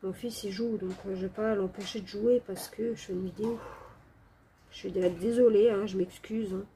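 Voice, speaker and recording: A woman's voice: medium pitch, steady tone, normal speed, mellow, slight background noise. A middle-aged woman with a cold, chatting casually and apologetically while coloring at home, with many fillers and hesitations. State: sick with a cold, coughing. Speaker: coloring video creator.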